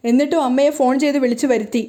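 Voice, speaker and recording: A woman's voice: sits high, fairly even intonation, racing, dark tone, natural voice. A woman reading the lines of a pleading young married woman, in her own plain voice. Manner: read out plainly in the reader's own voice.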